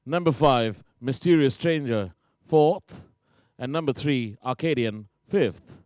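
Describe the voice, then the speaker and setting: Male PA announcer through loudspeakers, measured and formal, dry sound. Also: mid-range voice, clear, resonant tone, dry recording. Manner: slow, measured, calling out each item separately. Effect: heard through loudspeakers at a distance. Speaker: racecourse public address announcer.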